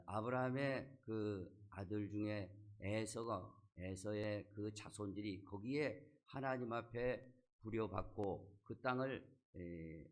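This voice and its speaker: A man, senior pastor of a church, preaching a sermon and retelling a scripture story, dotting his sentences with short affirming fillers. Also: on the low side.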